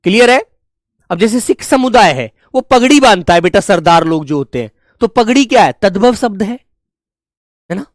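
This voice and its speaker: A male teacher giving an exam-prep grammar lecture with a high voice. He talks to his students fondly and keeps checking whether they are following. The sound is dry and close. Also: expressive, normal speed, no room sound. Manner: fond, coaxing, keeps asking "right?" and calling students child.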